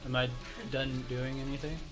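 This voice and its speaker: Male player at a game table, mid pitch, informal chat, music clearly underneath. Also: flat delivery, normal speed. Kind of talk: casual chat.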